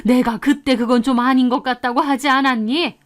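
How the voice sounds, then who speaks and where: A woman's voice: on the high side, a little slow, lightly acted. A woman voicing an angry older mother-in-law in an audiobook story, scolding in indignant outbursts. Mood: furious. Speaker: narrated story character.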